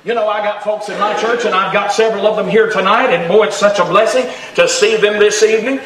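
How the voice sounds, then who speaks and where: A pastor preaching a fervent revival sermon in a church, often shouting. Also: male voice, sits high, fairly even intonation, fast talker, a crowd in the background. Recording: echoey church from far off.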